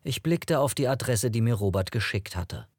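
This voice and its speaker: A man reading a first-person novel as an audiobook narrator, in an even, measured storytelling manner. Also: mid-range voice, no room sound, studio quality.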